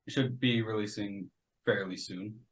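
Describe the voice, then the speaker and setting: A man in a band, answering an interview question softly and a little hesitantly. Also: on the low side, fairly even intonation, normal speed, far from the mic. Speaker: band member guest.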